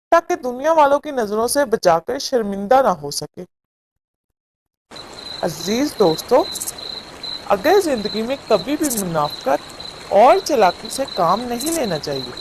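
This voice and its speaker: Here a woman narrates a scripted children's fable meant to teach a lesson. She pitches her voice a little high and paces it carefully, with plenty of feeling.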